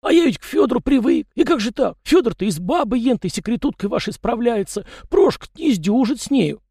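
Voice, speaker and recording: A man's voice: very high voice, big pitch swings, fairly quick, warm tone, husky, no room sound, clean studio sound, pitched above the performer's own voice, full character voice. A man voicing a fussy, garrulous male household spirit who talks in rustic folksy speech. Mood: flustered.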